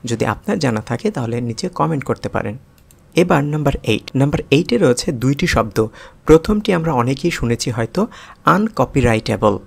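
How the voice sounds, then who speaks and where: A man teaching an English vocabulary lesson. He explains each word slowly, breaks long words into parts, repeats them, and puts questions to the viewers. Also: mid-range voice, vocal fry.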